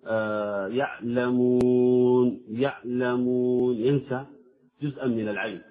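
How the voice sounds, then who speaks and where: A man teaching Quran recitation, slow and deliberate, drawing out words to show how each sound should be said. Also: medium pitch, husky. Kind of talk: tajweed lesson with recited examples. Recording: tinny phone-like recording.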